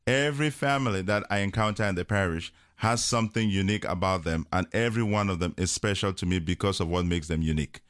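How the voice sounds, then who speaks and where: Speaking slowly and hesitantly, with lots of fillers and regular chuckles, a parish priest from Cameroon chats casually as a guest on a call-in radio program in the studio. He has a deep voice with a fairly bright tone, and the studio-quality audio has no echo.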